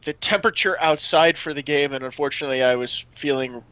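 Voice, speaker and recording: An American man co-hosts a casual podcast with sarcastic, mock-indignant jabs. His voice sits a little high, bright and forceful. The sound is dry and dull, like a lo-fi home setup. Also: fast, smooth, dry recording. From United States. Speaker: podcast co-host.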